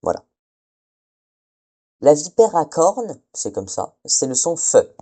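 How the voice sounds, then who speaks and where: A man's voice: fairly high pitch, sing-song, slow, mellow, slightly rough. A man giving a casual spoken lesson, hesitant, often stumbling and correcting himself. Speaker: teacher.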